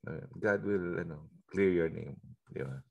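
A man with a Filipino accent sharing a personal testimony on a video call, telling his story in a lively way with Taglish fillers. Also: low-pitched, measured pace, creaky, highs cut off. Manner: animated storytelling with frequent laughs and Taglish fillers.

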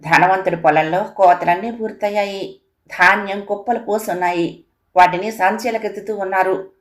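A woman tells a scripted moral story for children in the manner of a storyteller. Her voice sits in the middle of the female range, and her tone stays steady at a moderate pace.

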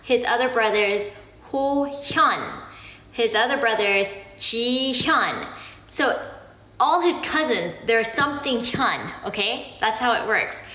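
A woman from Korea explaining something slowly and patiently, often checking in with "okay?". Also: fairly high pitch, animated, bright, forceful tone, echoey room, rough recording. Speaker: family vlogger explaining Korean naming. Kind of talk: casual explanatory talk to camera.

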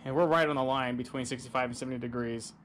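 A man's voice: mid-range voice, steady tone, quick pace, fairly bright tone, slight background noise. Easygoing man talking through a boat build. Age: adult, father of a son. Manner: easygoing, practical, talks through each step. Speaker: boat-building channel host. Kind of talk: casual how-to narration while working. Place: outdoor driveway workshop beside a boat.

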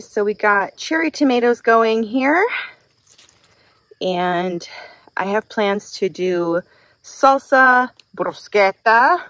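Midwestern mom vlogger, 30s, upbeat and self-deprecating, handheld outdoor garden tour. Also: female voice, mid-range voice, a bit bright, dry recording, low-quality recording. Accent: Midwestern American. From Wisconsin. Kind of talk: casual chat while gardening. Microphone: handheld camera.

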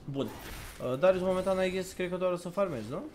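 A man's voice: high voice, darkish tone. A man hosting a casual gaming chat, talking loosely with fillers and laughs. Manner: chatty, laughing, filler-heavy. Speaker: streamer host.

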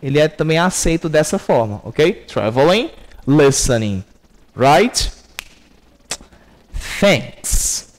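A man's voice: a little high, sing-song, slow pace, long pauses. A man with a Brazilian accent, an English teacher giving a recorded class lesson, explaining step by step and checking in with frequent "ok?".

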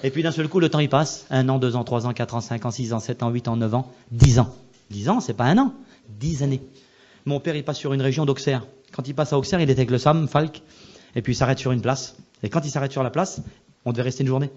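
Fast-talking pastor preaching his testimony. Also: mid-range voice, lo-fi sound. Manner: storytelling, repetitive, emphatic; swings between hushed and loud passages.

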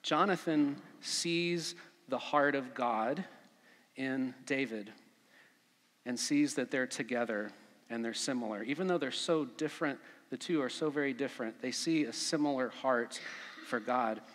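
A man preaching a conversational sermon as pastor at a pulpit microphone, relaxed, with frequent fillers. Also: medium pitch, unhurried. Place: church sanctuary. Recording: long church reverb.

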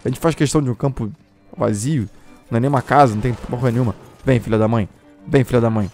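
A young man with a Brazilian accent giving excited gameplay commentary, often breaking into shouts while he chats to his viewers. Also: medium pitch, quick pace. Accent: Brazilian Portuguese. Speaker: gameplay streamer. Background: faint classical music from the game.

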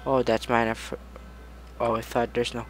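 A man casually commenting on his own gameplay, rambling along and breaking into sudden excited outbursts. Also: medium pitch, moderate pace. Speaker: gaming channel host.

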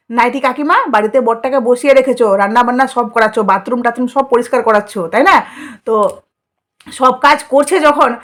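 Woman vlogger, high voice, scolding, mocking commentary. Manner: scolding, mocking, rhetorical questions. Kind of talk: commentary vlog.

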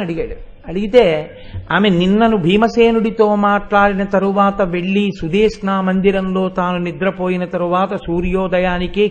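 An older man with a Telugu accent giving a devotional discourse on scripture, explaining slowly and emphatically and reciting verses. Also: high-pitched, lo-fi sound. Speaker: religious discourse speaker.

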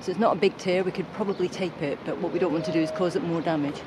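A woman's voice: fairly low pitch, fairly even intonation, rapid-fire. A middle-aged woman chatting casually about their sailing trip and boat repairs. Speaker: sailing vlogger. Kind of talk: casual travel chat. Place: outdoors on a sailboat. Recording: outdoor recording with loud background noise.

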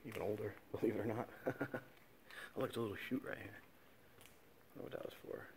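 A man's voice: fairly low pitch, fairly even intonation, fast, vocal fry. Man murmuring while exploring a mill. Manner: hushed, half-whispered remarks while exploring. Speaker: urban explorer host. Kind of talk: quiet walking commentary. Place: inside an abandoned mill. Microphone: handheld camera without its mic. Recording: quiet camera audio with background noise.

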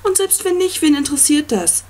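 A reader voicing an angry, tormented young boy in an audiobook, speaking loud and raised. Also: medium pitch, brisk, breathy edge, pitched above the performer's own voice. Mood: angry, mocking. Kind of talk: audiobook reading.

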